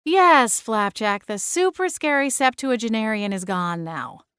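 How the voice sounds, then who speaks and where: A woman's voice: fairly high pitch, expressive, a little slow, a bit bright, clear, resonant tone, no echo, clean studio sound. A woman playing a wry, friendly young woman in casual audiobook dialogue. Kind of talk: audiobook character voice.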